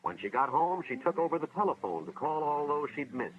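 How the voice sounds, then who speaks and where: A man's voice: fairly high pitch, sing-song, brisk, a little hiss or hum. An American man acting as an earnest school official, narrating a 1950s educational film in a dramatic, moralizing storytelling style. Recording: dull vintage film soundtrack, music behind.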